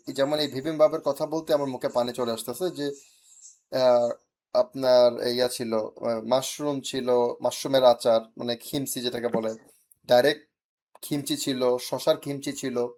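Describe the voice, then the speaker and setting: Man, Korean tutor, teasing, drills words slowly syllable by syllable. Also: mid-range voice, a little mellow. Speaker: Korean language teacher. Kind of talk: correcting a student's reading aloud.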